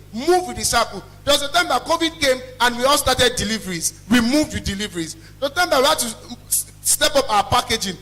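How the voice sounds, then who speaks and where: The owner of a small chops business, a young Nigerian man, speaks to a student audience as a guest, offering motivation. His voice is high-pitched, bright, loud, and carrying, and he is blunt and emphatic, repeating phrases for effect. It is a rough recording.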